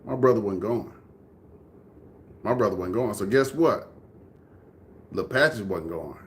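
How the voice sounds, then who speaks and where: A man's voice: fairly low pitch, expressive, measured pace, slight background noise. A Texan man in his thirties, from Dallas, telling a personal story earnestly to a live chat, often repeating phrases for emphasis. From Dallas, Texas. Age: 30s. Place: indoors, room with air conditioning.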